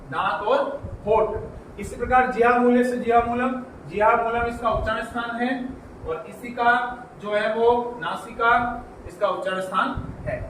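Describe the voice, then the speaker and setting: A man's voice: extremely high pitch, fairly even intonation, normal speed, fairly bright tone, slight background noise. A male teacher giving an exam-prep grammar lesson. He repeats key points as questions and then answers them. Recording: roomy echo, from a distance.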